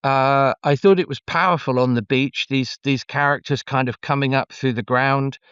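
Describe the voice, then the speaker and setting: A man's voice: mid-range voice, steady tone, normal speed, a bit bright, clean tone, no echo, lo-fi sound. A man talking conversationally as an oral storyteller, stretching words for emphasis and shifting gear as he goes. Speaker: oral storyteller, interview guest.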